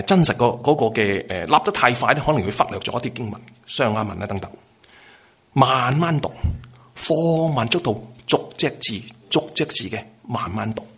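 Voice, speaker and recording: A middle-aged male pastor preaching in a lively, conversational way, asking his listeners questions. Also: medium pitch, husky. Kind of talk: sermon on devotional practice.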